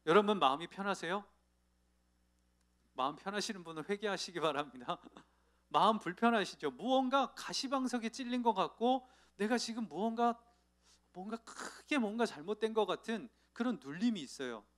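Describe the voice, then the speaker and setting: A male pastor preaching to a youth congregation in church, telling stories with lively acted-out voices and asking his listeners questions. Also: high voice, moderate pace. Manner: lively storytelling, acting out the people in his anecdotes; asks the audience questions directly. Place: church sanctuary.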